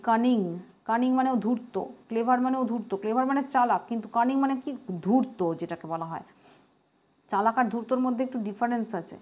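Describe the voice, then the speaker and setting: A woman teaching an exam-prep grammar lesson, explaining words patiently, repeating them and spelling them out letter by letter. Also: on the high side. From West Bengal.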